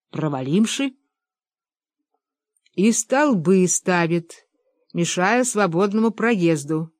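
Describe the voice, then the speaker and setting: A woman voicing a gruff, bossy older male official who scolds his son-in-law in a storybook reading. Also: high voice, no echo, exaggerated voice. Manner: blustering, scolding.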